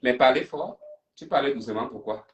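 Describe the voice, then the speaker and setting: A man's voice: medium pitch, a little fast, dull audio. A man hosting a live stream and taking callers, talking in a theatrical, confrontational way. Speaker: livestream host. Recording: roomy sound, distant from mic.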